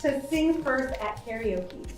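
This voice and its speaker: High-voiced woman reading prompts, very echoey. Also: lively intonation. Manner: brisk, announcing. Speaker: interviewer. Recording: very echoey, distant room.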